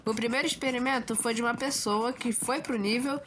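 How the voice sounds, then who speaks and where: Brazilian girl narrating an explainer video, kinda high voice, sounds like her throat's sore and swollen, noisy recording. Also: fairly even intonation, a little fast, a bit bright. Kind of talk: scripted explainer narration with casual asides.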